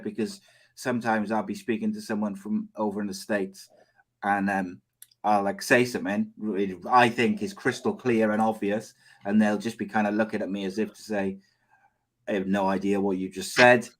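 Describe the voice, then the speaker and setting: A man's voice: on the low side, level tone, normal speed. A man with a Cardiff Welsh accent, chatting and bantering casually as host of a sports podcast. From Cardiff, Wales.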